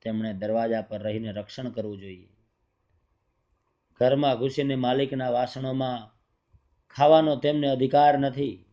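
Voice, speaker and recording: An angry, proud young hermit boy, as a man reads him aloud, his scolding words landing hard. The voice stays mellow and dark, and the recording sounds dull and lo-fi. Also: mid-range voice, steady tone, moderate pace, long pauses, lightly acted.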